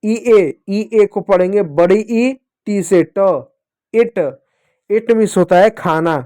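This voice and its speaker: A man teaching children to read English words, spelling them out slowly sound by sound and calling his pupils dear kids. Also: sits high, mellow, clear, resonant tone. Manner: slow, syllable-by-syllable spelling out of words. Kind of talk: phonics lesson for kids.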